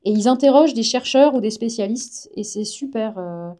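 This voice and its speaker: A woman's voice: a little high, expressive, moderate pace, warm tone. A woman, a comic artist and science journalist, chatting casually and enthusiastically as a guest on a live stream.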